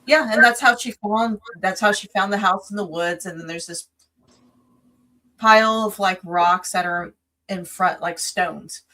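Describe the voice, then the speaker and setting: Woman, podcast co-host, casual chat, rambling, restarts a lot, sleepy late-night tone, mid pitch. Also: measured pace, pushed and bright. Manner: rambling, many restarts and fillers, recapping a film plot. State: yawning, tired from recording late.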